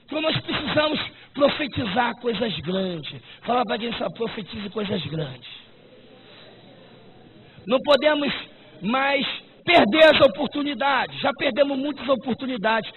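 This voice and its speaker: A man preaching a fervent sermon at a church service, often breaking into shouts. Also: very high-pitched, expressive, normal speed. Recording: tinny lo-fi recording with noise.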